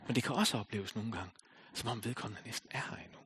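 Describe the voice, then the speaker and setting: A male pastor preaching a sermon, reading scripture aloud and then talking it through, rising to loud calls and sinking to soft, near-whispered lines. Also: on the low side, husky.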